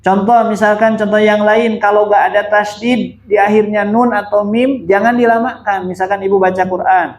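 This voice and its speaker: Man, patient recitation teacher, fairly high voice, echoey room. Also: flat delivery, normal speed, hardly any pauses. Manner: patient, repeats and demonstrates pronunciations. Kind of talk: one-on-one recitation lesson.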